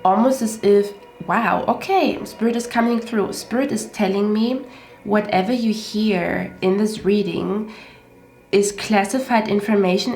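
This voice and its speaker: A woman with a mid-range, darkish voice and a stuffy, congested nose gives a casual tarot reading, repeating herself and often checking in with "okay?". The recording has a roomy echo and faint music.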